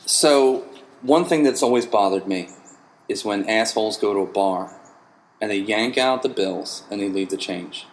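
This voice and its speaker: A man hosting a podcast, a bartender telling stories in a casual, animated way and swearing freely. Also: fairly low pitch, normal speed, poor audio. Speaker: podcast host. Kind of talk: casual chat.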